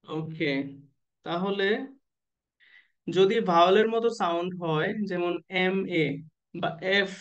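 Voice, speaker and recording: A man tutoring nursing exam candidates in an online class, who keeps asking the students questions and slowly spells out letters and abbreviations. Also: high voice, steady tone, a bit bright, clear, resonant tone, highs cut off. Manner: asks the class questions and waits for answers.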